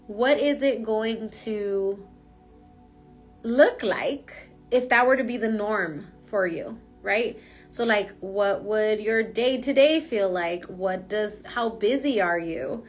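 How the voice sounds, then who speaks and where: With soft music playing in the background, a woman reads tarot in a slow, medium-pitched voice that sounds stuffy from a cold. She's chatty and rambling, dropping fillers constantly as she goes.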